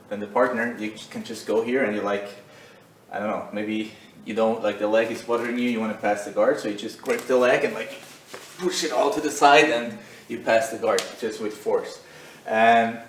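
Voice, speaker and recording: Man, low voice, jiu-jitsu coach, casual demo talk, echoey gym, a bit off-mic. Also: distant mic, a little hiss or hum. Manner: loose and conversational, many fillers.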